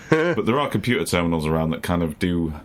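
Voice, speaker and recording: Podcast co-host, man, very low voice, sweary and jokey. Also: sing-song, fairly quick, slight background noise. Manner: swears freely, laughs often, acts out quotes. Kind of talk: casual chat.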